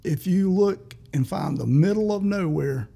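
A man's voice: high voice, animated, measured pace, gravelly, warm tone. A seventy-year-old man from South Carolina with a Southern US accent, chatting casually as an interviewer. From South Carolina, United States. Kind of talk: casual chat.

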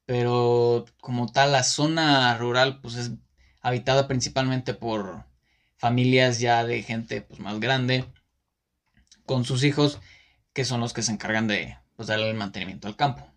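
A man's voice: mid-range voice, steady tone, a little slow, a bit bright. A man with a Mexican Spanish accent hosting a casual monologue podcast, rambling and often correcting himself with many fillers. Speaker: podcast host.

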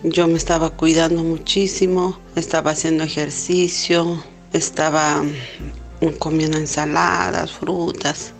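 A middle-aged woman telling an emotional personal testimony, halting and repeating words, with many filler questions. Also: sits low, level tone, gravelly, faint music behind. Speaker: testimony giver.

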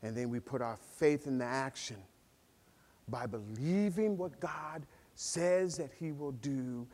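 A man preaching a sermon as pastor, telling the story with animated swings from loud to hushed. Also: mid-range voice, slow. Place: church hall. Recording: long reverb of a large hall.

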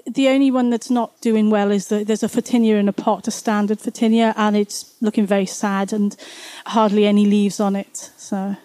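A woman's voice: mid-range voice, little pitch movement, moderate pace, dark tone, no room sound. A woman, speaking as an audience member putting a question to an advice panel. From Swansea, Wales. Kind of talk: asking a gardening panel for advice.

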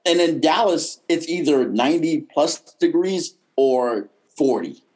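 A man's voice: fairly high pitch, animated, measured pace, a little mellow, rough recording. A man with a mild Boston accent chatting casually in a blunt, sweary, rambling way. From Boston, United States. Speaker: podcast guest, comedian and former bike messenger. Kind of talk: casual conversation.

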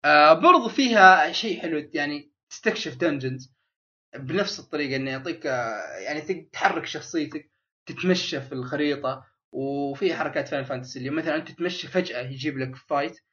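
A man's voice: on the high side, expressive, fast, bright, forceful tone. A man chatting casually as a podcast host, rambling and restarting his sentences. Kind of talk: casual chat. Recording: dull lo-fi sound.

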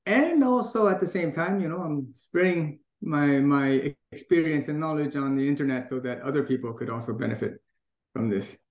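A middle-aged Taiwanese man, a guest in a casual interview, speaks thoughtfully, often restarting his sentences and laughing easily. His voice is a little high and his pace moderate. The room is echoey and the audio dull and lo-fi.

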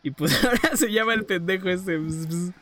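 A man's voice: sits high, normal speed, a loud crowd. A man with a Mexican accent in casual chat, full of slang, telling anecdotes and acting out quotes. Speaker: streamer co-host.

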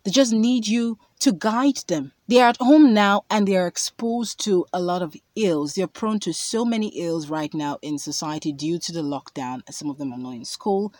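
A woman's voice: fairly low pitch, moderate pace, few pauses, a little mellow, dry recording. A woman hosting a podcast, talking in an emphatic, preachy way that repeats lines for stress. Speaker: podcast host. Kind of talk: motivational podcast talk with ad read.

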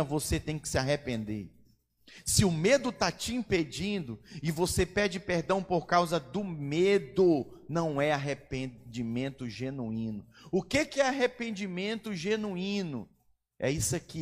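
A man with a Brazilian Portuguese accent preaches a sermon, his voice sitting a little high for a man. He tells his story with animated delivery and acts out the characters' lines. The sound carries the long reverb of a church hall. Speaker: pastor.

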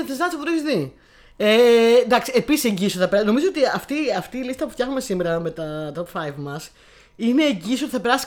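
A woman co-hosting a podcast, chatting enthusiastically about films. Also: medium pitch. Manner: chatty, enthusiastic, laughs easily. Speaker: podcast co-host. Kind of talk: casual chat about films.

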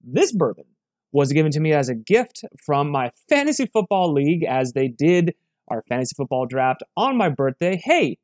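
A man's voice: fairly high pitch, very animated, normal speed, a little mellow. A man giving a casual, rambling spoken review, chatty and full of restarts. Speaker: bourbon reviewer.

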